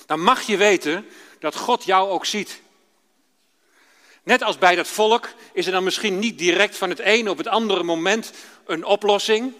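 Male preacher, children's sermon, storytelling tone, high bright voice, long church echo. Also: unhurried. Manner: warm storytelling, addressing children directly.

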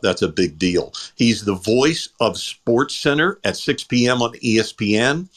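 A man co-hosting a chat show about radio, an enthusiastic and animated storyteller. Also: mid-range voice. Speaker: co-host.

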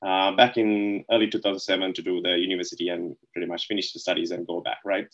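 A man's voice: low-pitched, flat delivery, quick pace, a bit bright, lo-fi sound. A man from Sri Lanka, chatting casually as an interview guest and rambling with lots of "like, you know".

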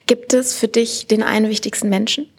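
A friendly woman hosts an interview podcast in a gallery, her voice breathy and soft-edged. She laughs easily and keeps the questions flowing. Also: a little high, level tone, a little fast. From Düsseldorf. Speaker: podcast host. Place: art gallery.

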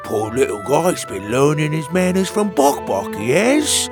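A man doing a jolly booming platypus dad. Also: big pitch swings, measured pace, music in the background. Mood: scolding. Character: cheerful father platypus, jolly and loud.

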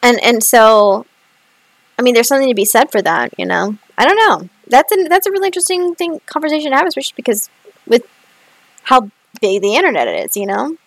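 A woman co-hosting a podcast, talking casually and excitedly with lots of fillers and big swings in pitch. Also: brisk, dry recording, rough recording. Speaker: podcast co-host. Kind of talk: casual chat. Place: rural area, far from a city.

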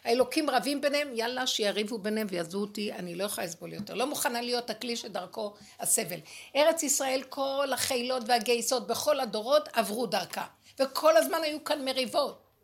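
A woman sharing spiritual experiences with a small group, impassioned and exasperated, often repeating her words. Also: fairly high pitch. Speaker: group sharer.

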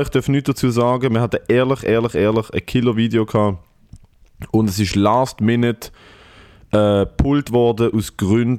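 A Swiss German man talks in a mid-pitched voice with a smoker's rasp and some phlegm. He banters casually in emphatic slang with plenty of swearing, in a dry recording. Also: a little mellow, dry recording. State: congested with phlegm. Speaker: comedian and podcast host.

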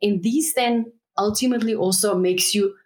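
A young woman from Slovenia speaks in a relaxed podcast interview, thinking aloud and filling pauses with "you know". Her voice sits at a middle pitch. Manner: thoughtful, reflective, frequent "you know" fillers. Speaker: guest, travel startup co-founder. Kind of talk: casual interview conversation.

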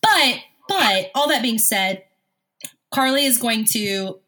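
A woman chatting casually and analytically about sports as a host, with a smoker's cough and frequent throat clearing. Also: a little high, animated, slow, pushed and bright. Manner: analytical, recites player statistics. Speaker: sports talk show host.

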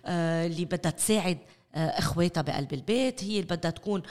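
A woman with a Lebanese Arabic accent talks quickly in an interview discussion. She stresses her points by repeating words. The recording carries the long reverb of a hall. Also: lowish voice, darkish tone. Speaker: interview guest, local development expert. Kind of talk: animated discussion.

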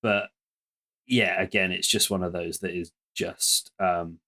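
A man in a casual podcast chat, speaking hesitantly with many pauses and restarts. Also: sits low, steady tone, vocal fry, pushed and bright.

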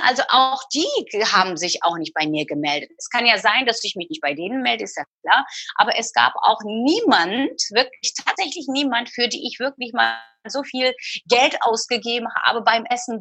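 A middle-aged Turkish woman, a former TV presenter, speaks as a guest in a personal interview, earnest and confessional, often hunting for her words. Her voice is on the high side, bright, forceful and a bit rough, and the recording is dry.

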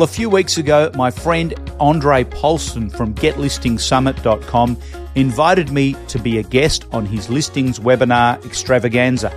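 A man hosting a podcast, delivering a scripted introduction to the episode. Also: medium pitch. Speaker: podcast host.

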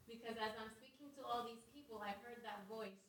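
A pastor's wife telling a personal story at a convention, animated and acting out the lines she quotes. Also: on the high side, a little fast. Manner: animated, acts out quoted dialogue. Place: convention hall. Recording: echoey hall mic from a distance with crowd noise.

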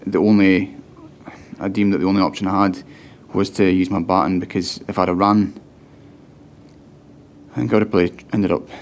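Guy testifying at an inquiry, lowish voice, lots of ums, faint hiss. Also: darkish tone. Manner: hesitant, with many ums and restarts. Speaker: police officer giving evidence.

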